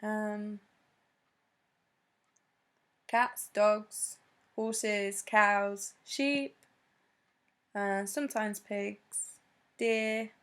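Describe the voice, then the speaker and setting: A woman chatting casually on her vlog, answering questions with lots of ums and pauses. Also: medium pitch, fairly even intonation, a bit bright, smooth. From Britain. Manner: hesitant, many ums, laughs between answers. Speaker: vlogger.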